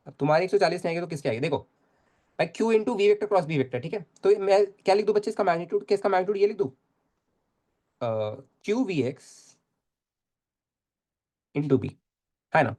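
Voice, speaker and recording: A man's voice: high voice, animated, moderate pace, pauses often, darkish tone. A young man teaching physics in a casual live lecture, coaxing students and repeating phrases.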